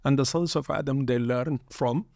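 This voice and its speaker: Born in England, raised in Sudan and a native Arabic speaker, this man is a pilgrimage group leader appearing as a guest shaykh on a reflective religious podcast. His mid-range voice is gravelly and flat at normal speed, and he sounds earnest and preacherly, with Arabic phrases throughout. The recording is dry and studio quality.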